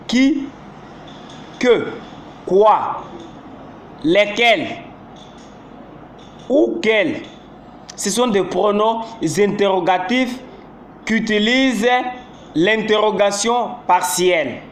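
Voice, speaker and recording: A man teaching a grammar lesson, speaking slowly and deliberately and acting out the rise and fall of example questions. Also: high-pitched, a bit bright. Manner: slow, deliberate, demonstrates rising and falling intonation on example questions. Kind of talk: spoken French grammar lesson. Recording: echoey room with faint background noise.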